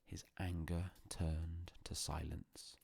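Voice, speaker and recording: Very deep, slow bedtime storyteller man. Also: flat delivery, creaky, slightly rough, no room sound. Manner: hushed, solemn, unhurried with long pauses. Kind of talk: calm bedtime storytelling, scripted narration.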